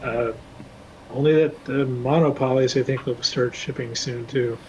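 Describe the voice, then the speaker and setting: A man's voice: mid-range voice, steady tone, moderate pace, muffled recording, slight background noise. A man chiming in as a guest in a casual synth chat, with short remarks and questions. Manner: brief, questioning interjections.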